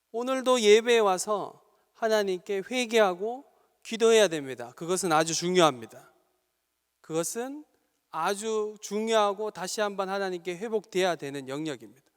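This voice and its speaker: A man's voice: sits high, clean tone. A male pastor from Gyeongsang Province preaching an earnest, exhorting sermon to a youth service in a church sanctuary. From Gyeongsang Province, Korea. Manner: earnest, exhorting, building to fervent appeals. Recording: long reverb of a church sanctuary.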